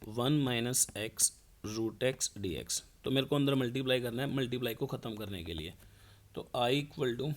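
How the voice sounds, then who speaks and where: A man teaching a math lesson. He explains each step and asks the class questions, then answers them himself. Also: medium pitch.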